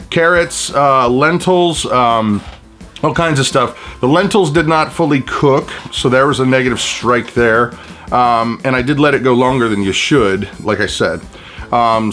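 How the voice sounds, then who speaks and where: A man with a mid-pitched voice narrates a casual product review. He is folksy and jokey, dropping playful asides as he goes. Music plays behind him. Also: fairly bright tone.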